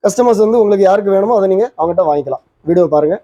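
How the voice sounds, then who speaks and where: Quickly pointing out each part, a man gives a casual demo of a vintage twin-cassette tape recorder on his own channel. His voice is high-pitched and mellow, and the recording is dry with a dull lo-fi character.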